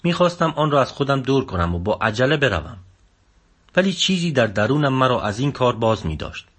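Husky man narrating an audiobook calmly. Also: mid-range voice. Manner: calm, measured storytelling. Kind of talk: scripted narration.

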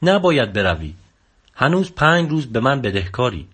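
A man's voice: mid-range voice, sing-song, a bit bright, husky. A man voicing a playful, teasing old male sorcerer in an audiobook reading.

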